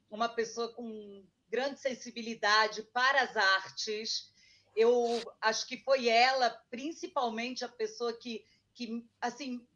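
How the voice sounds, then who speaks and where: A woman's voice: on the high side, a bit bright, dull audio. A woman from Argentina, a guest author, chatting casually and reminiscing about her childhood. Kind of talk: casual interview chat.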